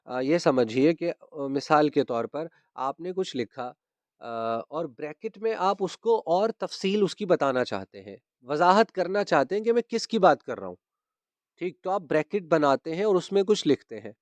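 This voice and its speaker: A man's voice: on the high side, expressive, no echo. A man teaching a grammar lesson, patiently repeating key terms and checking that his students understand. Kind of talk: grammar lesson explaining punctuation.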